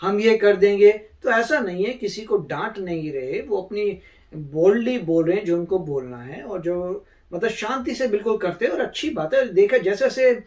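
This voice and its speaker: Higher-voiced man calmly explaining. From India. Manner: calm, explanatory, measured. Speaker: reaction video co-host. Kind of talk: casual reaction chat.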